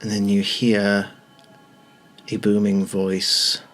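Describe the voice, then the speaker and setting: Unhurried, low-voiced man as game master. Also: completely flat delivery, a bit bright, soft background music. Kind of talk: narrating a tabletop game.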